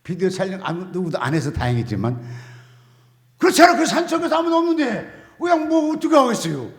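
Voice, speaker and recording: An older man, a pastor, preaching an animated storytelling sermon in a church, swinging between shouts and low asides. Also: fast. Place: church sanctuary. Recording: church hall with long reverb.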